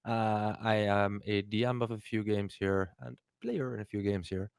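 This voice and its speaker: A man from the community introduces himself and calmly helps fix the stream setup. His voice is low and smooth. It is recorded close and dry. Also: normal speed, dry recording. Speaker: game master and player in the community.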